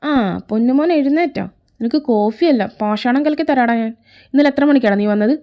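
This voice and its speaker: A sharp-tongued mother in middle age, scolding her late-coming son, as a woman reads her in a fan fiction audio story. Her voice stays fairly high with a cutting, blunt manner. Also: a little fast, soft background music, close to an everyday voice.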